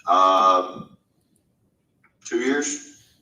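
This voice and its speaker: A man's voice: deep voice, drawn-out words, pushed and bright. A man, a detective testifying by video call, giving short polite answers, heard in a courtroom recording. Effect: courtroom recording of a video-call witness. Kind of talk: sworn testimony. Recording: distant, echoey, over courtroom speakers.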